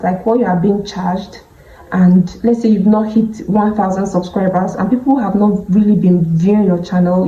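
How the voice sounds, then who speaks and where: Speaking in a warm, mid-range voice, this Nigerian-accented beauty vlogger chats candidly to a phone camera, stretching her words for emphasis. Slight background noise carries through a dull, echoey room recording.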